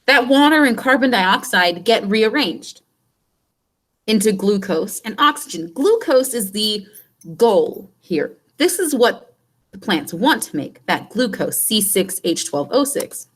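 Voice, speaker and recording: A woman teacher leads a review lesson for an upcoming biology exam. Her voice sits at a middle pitch. She explains each step in turn, asks rhetorical questions and answers them, and patiently repeats the key points. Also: animated, a little slow, fairly bright tone.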